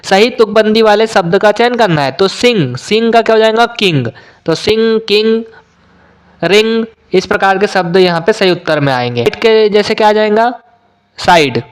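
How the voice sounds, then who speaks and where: High-voiced man solving an exam paper. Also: smooth. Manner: explains step by step, often pausing with "uh". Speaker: teacher. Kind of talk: exam solution walkthrough.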